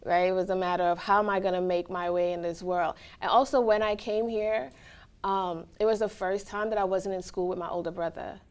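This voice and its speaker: A woman's voice: on the low side, fairly even intonation, a little fast. A woman from Trinidad and Tobago giving reflective, earnest answers in a casual interview, often checking in with "right?". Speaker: interviewee, college staff.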